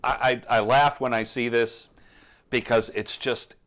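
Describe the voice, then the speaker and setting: A middle-aged man co-hosting a live bird question show, explaining in a relaxed, rambling way with many restarts. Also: mid-range voice, measured pace. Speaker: co-host answering bird questions. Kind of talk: casual live stream chat.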